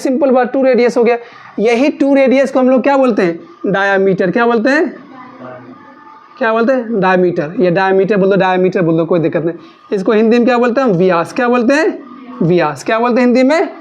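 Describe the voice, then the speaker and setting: A woman teaches a maths class, asking questions and answering them herself while drilling key terms over and over to coax her students. Her voice is fairly high-pitched and a little mellow.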